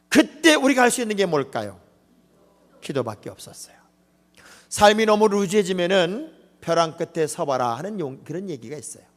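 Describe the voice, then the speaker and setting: A Korean man preaching a revival sermon as pastor, swinging from loud cries to soft asides and acting out short scenes. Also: high-pitched. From South Korea. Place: large church sanctuary. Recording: long echoing hall reverb.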